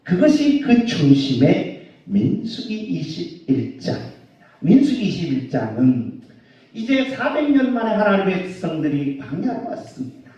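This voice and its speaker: A male pastor preaching a sermon in an animated way, joking and scolding with rhetorical questions. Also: high voice, moderate pace. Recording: roomy dull sound from far off.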